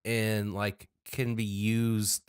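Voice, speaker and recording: Male podcast co-host, low smooth voice, rambling with fillers, dry recording. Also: little pitch movement, extremely slow, dry recording. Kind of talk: casual chat.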